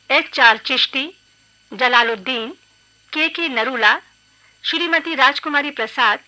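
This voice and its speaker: A woman radio announcer reading the credits in a measured, formal broadcast style. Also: high-pitched, pushed and bright, rough recording.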